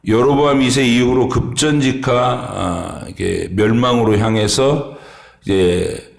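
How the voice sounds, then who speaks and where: A man preaching an early-morning sermon as pastor, speaking in a halting way with many pauses and fillers. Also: medium pitch, gravelly, roomy sound. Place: church sanctuary.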